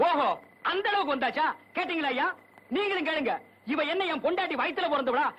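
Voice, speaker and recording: A man's voice: very high voice, fast, pushed and bright, highs cut off. An actor playing a threatening older village man who sneers and hurls accusations at his family. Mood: accusing. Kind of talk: 1980s film drama acting.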